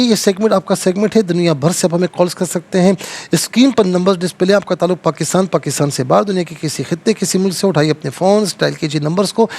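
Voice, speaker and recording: A man's voice: fairly high pitch, darkish tone. A man from Pakistan hosting a televised religious lesson, explaining verses and patiently correcting callers' recitation. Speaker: Quran teacher and TV host. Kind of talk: religious lesson with live call-ins. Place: TV studio.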